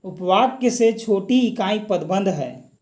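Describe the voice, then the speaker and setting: High-voiced man teaching grammar. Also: expressive, a little mellow. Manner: explains slowly, asks and answers own questions; mixes English words into Hindi. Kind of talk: exam-prep grammar lecture.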